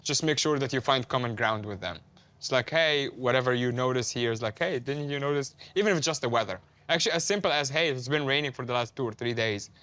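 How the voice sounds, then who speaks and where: A male comedian giving quick, eager advice in a casual chat. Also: medium pitch, sharp tone, smooth, dry recording.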